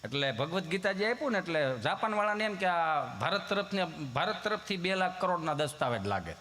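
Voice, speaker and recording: A man's voice: on the high side, big pitch swings, brisk, bright, forceful tone, slight background noise. A man with a Kathiawadi Gujarati accent doing folk stand-up storytelling, folksy and anecdotal, chuckling as he goes. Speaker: stand-up comedian.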